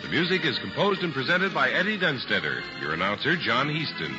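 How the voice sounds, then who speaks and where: A man's voice: medium pitch, big pitch swings, fairly quick. An American man reading scripted announcements in vintage mid-century radio style. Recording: muffled vintage radio recording with music.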